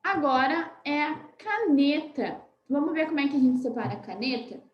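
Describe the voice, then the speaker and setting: A Brazilian woman teacher giving a recorded class for young children, patiently spelling words out slowly and often checking in with "né?". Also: high voice, animated, roomy sound, lo-fi sound. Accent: Brazilian Portuguese. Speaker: primary school teacher.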